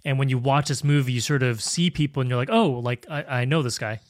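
A man's voice: mid-range voice, fast talker, dry recording. A man hosting an interview, reading out film facts and asking questions with enthusiasm. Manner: enthusiastic, reads facts then asks questions. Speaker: interview host. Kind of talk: podcast interview.

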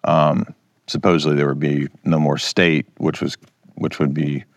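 A man's voice: very deep voice, level tone, normal speed, no echo. A man giving casual, conversational political commentary as a podcast guest, explaining his opinions informally.

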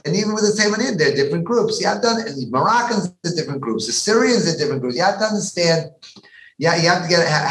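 A man's voice: mid-range voice, a bit bright. A man, a rabbi being interviewed, explaining at length in an emphatic way and often restarting his sentences. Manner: emphatic, with frequent restarts and repeated words. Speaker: rabbi, guest. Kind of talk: conversational explanation on a podcast. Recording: echoey room with faint background noise.

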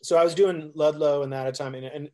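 In a casual interview, a middle-aged musician guest rambles through his stories with restarts, frequent laughs and acted-out quotations. His voice is fairly high with a darkish tone, quick in pace and steady in tone.

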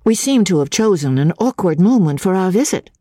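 Brisk good-humoured gentlewoman in a storybook, voiced by the narrator; forthright, lively, dry close sound. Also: medium pitch, no room sound, voice pushed up, natural voice. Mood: brisk polite. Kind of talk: audiobook character voice.

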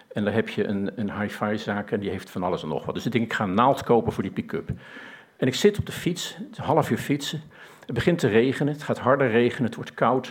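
Male storyteller, slightly husky voice, down-to-earth and conversational, hesitates and restarts often. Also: medium pitch. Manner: plain, down-to-earth telling. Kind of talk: personal story told to an audience.

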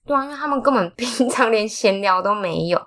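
Bright, lively young Taiwanese woman. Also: mid-range voice, a little fast. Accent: Taiwanese Mandarin. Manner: emotional storytelling, laughs while telling. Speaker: podcast co-host. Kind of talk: casual chat.

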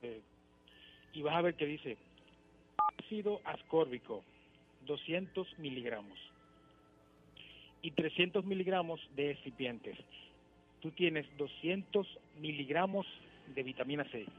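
A man's voice: a little high, expressive, a little slow, pauses often. A man calling in to a radio show, explaining things step by step and often repeating words as he searches for them. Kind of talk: casual radio phone-in chat. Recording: tinny phone line.

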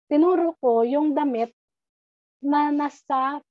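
High-voiced woman telling a story haltingly. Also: dry recording, narrow, tinny audio. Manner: hesitant, many restarts, mixes English into Tagalog. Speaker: guest telling a personal ghost story. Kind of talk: casual storytelling.

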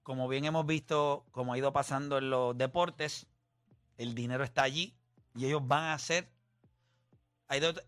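A man's voice: mid-range voice, fairly even intonation, normal speed, long pauses, fairly bright tone. A man hosting a casual radio talk show, bluntly scolding a caller.

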